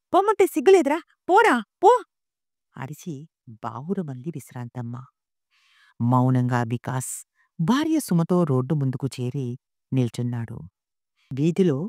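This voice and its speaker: A woman reading a story aloud as a narrator, with a dramatic, expressive manner. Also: rumbling low, no echo, studio quality.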